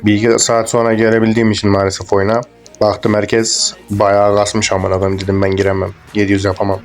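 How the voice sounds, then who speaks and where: Crude joking young man, lowish voice. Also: monotone, a little fast, soft background music. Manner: crude, joking, rambling, swears a lot. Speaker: gaming YouTuber. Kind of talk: casual gameplay commentary.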